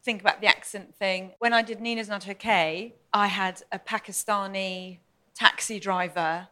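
A woman's voice: mid-range voice, steady tone, normal speed, sharp tone. A woman comedian and author telling a funny story on a live podcast. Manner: comic, laughing storyteller. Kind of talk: casual live podcast chat. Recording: live venue with audience.

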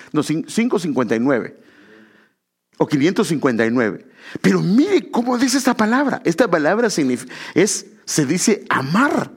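Animated Guatemalan preacher man. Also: on the high side, husky. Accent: Guatemalan Spanish. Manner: animated, addresses listeners as brother, self-correcting. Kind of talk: sermon.

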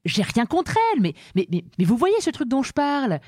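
A woman hosting a comic monologue about the origins of insults, talking in a lively, playful, self-mocking way. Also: a little high, fairly quick, no echo, clean studio sound. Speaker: host.

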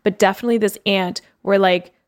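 A woman's voice: mid-range voice, steady tone, a little fast, clear, resonant tone. A woman co-hosting a podcast, telling a case story in a chatty, casual way with lots of fillers. She is from Canada. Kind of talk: casual chat.

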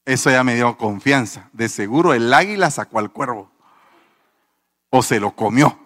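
A man's voice: medium pitch, animated, normal speed, fairly bright tone, big-room sound. A man, a pastor, giving a testimony sermon, telling the story with animation and acting out the people in it.

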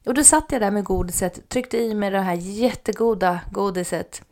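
Woman telling a lively personal story. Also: mid-range voice. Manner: animated, acts out quoted speech, drops to near-whispers. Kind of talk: casual spoken anecdote.

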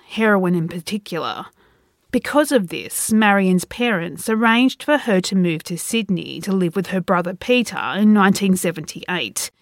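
A woman hosting a podcast, reading a scripted true crime narration in a measured, serious, suspenseful storytelling manner. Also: mid-range voice, dry recording, clean studio sound.

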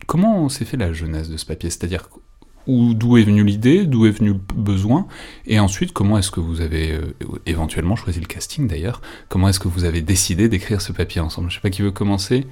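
A man's voice: lowish voice, animated, a little fast, mellow. A man hosting a research podcast, introducing guests and asking questions with many fillers and restarts. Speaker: podcast host. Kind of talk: podcast interview.

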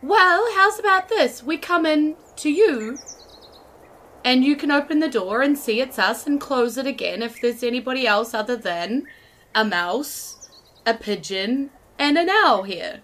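A woman's voice: sits high, animated, measured pace, a bit bright, pitched above the performer's own voice. A woman voicing Simon, a friendly male bird with a cheerful, reassuring manner. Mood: coaxing.

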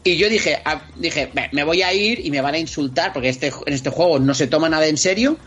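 Brisk and on the high side, this Spanish-accented man (Spain) is a guest on a casual podcast. He tells stories expressively, acting out scenes and throwing in vivid interjections, over slightly dull lo-fi audio with quiet background music.

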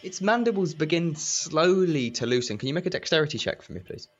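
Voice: mid-range voice, lively intonation, brisk, highs cut off. A game master narrating a tabletop game, who often stumbles and repeats words mid-sentence.

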